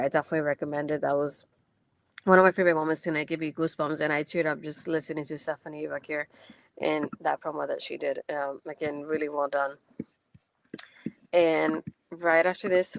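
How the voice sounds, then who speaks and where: In a casual post-show wrestling recap, a young woman, not a native English speaker, chats enthusiastically and uses many fillers. Her low-pitched voice is creaky, and the audio quality is poor.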